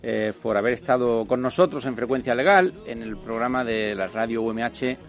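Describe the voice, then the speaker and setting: A man's voice: medium pitch, normal speed, faint music behind. A man hosting a radio program, asking questions in a formal, courteous way. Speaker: radio show host. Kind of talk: radio interview.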